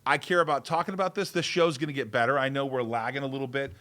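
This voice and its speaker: A man hosting a casual livestream show, talking in an excitable, rambling way and repeating himself. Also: mid-range voice, fast. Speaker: show host.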